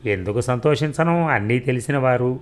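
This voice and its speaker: A man's voice: mid-range voice, moderate pace, close to an everyday voice. A man voicing a bitter, weary housewife. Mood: resentful. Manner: bitter, clipped retorts. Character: resentful weary middle-aged housewife, sharp-tongued.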